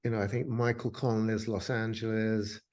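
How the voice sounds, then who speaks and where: A man's voice: fairly low pitch, level tone, normal speed, darkish tone. Chatty man telling anecdotes. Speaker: crime novelist guest. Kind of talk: casual video interview. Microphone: video call.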